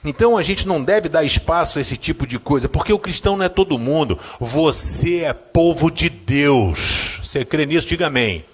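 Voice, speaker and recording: A pastor preaches in church with a Brazilian Portuguese accent, telling a personal story quickly with few pauses in a husky voice. He acts out the scenes, swinging from a low murmur to high, excited bursts.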